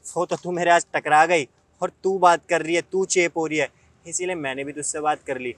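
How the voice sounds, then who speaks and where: A man's voice: fairly high pitch, fairly even intonation, normal speed, fairly bright tone, dry recording, natural voice. A young man playing an arrogant, boastful rich man who insults his ex-girlfriend in a web skit. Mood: taunting. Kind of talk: Hindi web skit acting.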